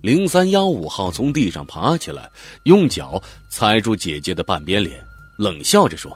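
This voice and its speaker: Husky, expressive male audiobook narrator. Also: on the low side, normal speed. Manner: vivid, expressive storytelling. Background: faint background music.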